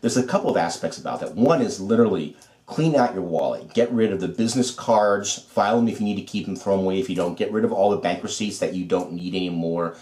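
A man's voice: sits low, fast talker, a little mellow, roomy sound. A man co-hosting a podcast, giving folksy, repetitive advice in casual chat. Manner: folksy, advice-giving, repeats himself with restarts. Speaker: podcast co-host.

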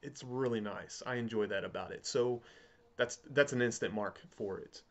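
A man in his thirties talking casually to camera as a reviewer, halting and repeating words as he thinks aloud. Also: mid-range voice, muffled recording. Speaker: pipe tobacco reviewer. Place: indoors, home study with bookshelves.

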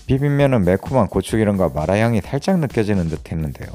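A man's voice: lowish voice, very animated, quick pace, dark tone, soft background music. A young adult man narrating a restaurant food review in an upbeat, descriptive way.

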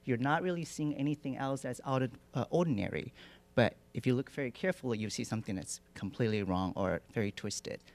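A Taiwanese artist gives a lecture in a hall with a projection screen, using a handheld microphone. His medium-pitched voice moves at a quick pace, and he's relaxed but hesitant, with many fillers and self-deprecating humor.

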